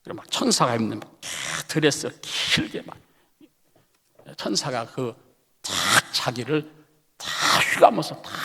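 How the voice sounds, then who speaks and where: A man's voice: mid-range voice, a bit bright, slightly rough. A man preaching a Sunday sermon as pastor. He tells a story animatedly and keeps checking in with the congregation. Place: church sanctuary. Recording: long church hall reverb.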